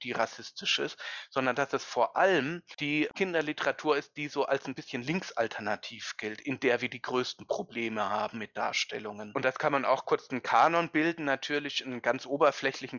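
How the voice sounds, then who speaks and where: A man's voice: mid-range voice, a bit bright, no room sound. A man speaking as an expert guest in a podcast discussion, earnest and lecturing, with emphatic stresses. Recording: dull lo-fi, dry.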